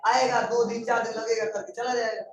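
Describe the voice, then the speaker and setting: High-voiced man lecturing a class. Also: level tone, fairly quick, distant mic. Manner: conversational, asks the class questions. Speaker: computer teacher. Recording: echoey room, voice from afar.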